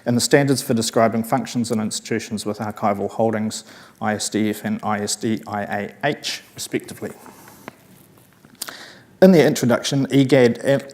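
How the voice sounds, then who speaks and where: A slightly mellow, medium-pitched male voice with a broad New Zealand accent gives a conference talk in a session room, reading a colleague's paper to the audience. He relies partly on notes and sounds hesitant, somewhat nervous, and self-deprecating.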